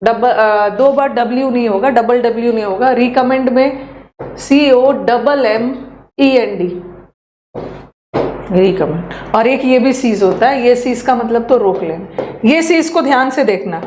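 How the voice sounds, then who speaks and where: A woman teacher, leading a live online class and briskly spelling out words letter by letter. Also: a little high, darkish tone. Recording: echoey room with faint hum.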